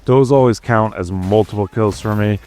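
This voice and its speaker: A young man with a fairly low voice narrates his gameplay in an easygoing voice-over. He talks conversationally and hands out tips as he goes. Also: moderate pace. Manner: relaxed, conversational, tip-giving. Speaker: gaming YouTuber narrating gameplay. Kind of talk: casual gameplay commentary voice-over.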